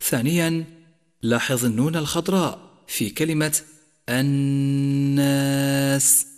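A man teaching Quran recitation rules, explaining each rule in a measured voice and reciting verses slowly and melodically. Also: medium pitch, big-room sound. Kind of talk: tajweed lesson.

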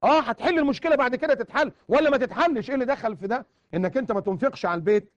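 A man with an Egyptian accent delivers a sermon at a breakneck pace in a fairly high voice, hammering points home with repeated words. The recording is dull and lo-fi but dry, with no room sound. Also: racing, dry recording. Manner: emphatic, repeats words for stress. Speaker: preacher. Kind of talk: colloquial sermon.

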